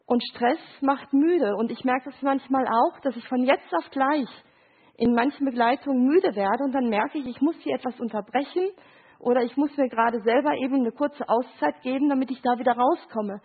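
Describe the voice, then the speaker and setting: A middle-aged woman working as a grief counselor gives a talk using picture cards, speaking at a normal pace in a high, husky voice. She explains through short examples and quoted voices, checking in with "Ja?", and the sound is thin, like a phone.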